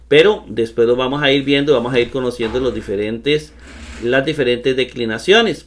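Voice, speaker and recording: A man's voice: a little high, a bit bright. A man teaching a recorded online lesson, patient and repetitive, addressing his viewers as brothers. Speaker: Koine Greek teacher.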